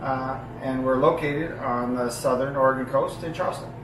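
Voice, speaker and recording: A man with a mid-pitched voice gives a guided tour in a plain, explanatory way, going step by step. The space around him is clearly echoey, and a faint layer of noise sits behind his words. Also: steady tone, moderate pace. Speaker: distillery owner and tour guide. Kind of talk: informal guided tour narration.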